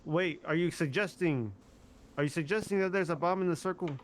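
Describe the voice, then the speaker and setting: A man's voice: on the high side, a little fast, slight background noise. A man in a casual roleplay, talking in a put-on New Jersey accent, rambling and stumbling over restarts as he jokes. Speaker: roleplay player as a justice department officer.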